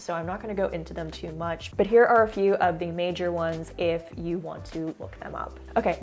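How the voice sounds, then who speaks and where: A young woman with a congested, stuffy voice chats upbeat and casually to camera. Her voice sits a little low, with light music playing softly underneath. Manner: chatty, upbeat, fillers like "like". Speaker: crypto video host. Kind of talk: casual talking-head explainer. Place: home room under construction.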